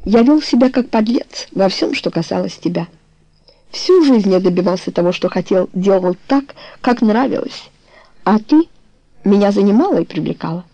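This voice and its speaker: A woman's voice: mid-range voice, expressive, normal speed, warm tone, no room sound, poor audio. A woman voicing a remorseful, passionate older man in a storybook reading, speaking earnestly and tenderly.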